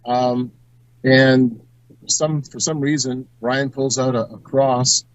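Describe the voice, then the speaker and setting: A man's voice: mid-range voice, flat delivery, slow pace, dry recording. Dull lo-fi field report from a man. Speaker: on-site correspondent. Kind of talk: informal live field report, answering an interviewer. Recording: dull, lo-fi remote call audio.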